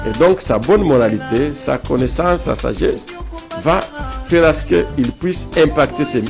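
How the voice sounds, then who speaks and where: As a guest in a political interview, this South Kivu man with a Congolese French accent argues his views emphatically, repeating phrases to push his points. His creaky voice is on the high side and unhurried, with music in the background.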